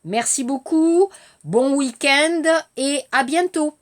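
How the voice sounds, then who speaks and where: Teacher lady, high voice, talks slow and clear for learners. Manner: slow, clear teaching voice mixing in Korean glosses. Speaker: French teacher. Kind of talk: language lesson.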